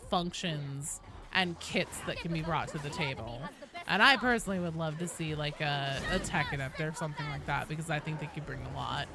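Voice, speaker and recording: A woman game streamer with a voice on the low side reads and answers viewer chat in a casual livestream, opinionated and enthusiastic, swearing casually. There's background noise.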